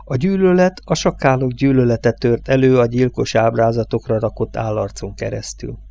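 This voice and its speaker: A man narrating an audiobook in a measured, dramatic reading. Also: mid-range voice, fairly even intonation, gravelly, dark tone. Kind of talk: scripted narration.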